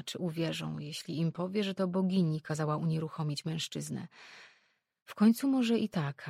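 A woman narrating an audiobook novel in an even, measured reading. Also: fairly low pitch, creaky, husky, no room sound, clean studio sound. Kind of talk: scripted storybook narration.

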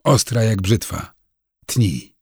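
A man voicing a stern, secretive old village witch who talks curtly in folksy rustic speech, with a raspy, gravelly voice. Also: fairly low pitch, animated, slow, no room sound, studio quality, exaggerated voice.

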